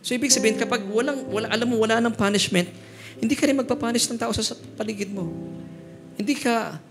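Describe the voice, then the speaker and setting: A man's voice: high voice, fast talker. A middle-aged Filipino man preaching a church sermon, telling funny stories as he switches between Tagalog and English. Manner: humorous storytelling, mixing Tagalog and English. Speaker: pastor. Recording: music playing behind the voice. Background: guitar music.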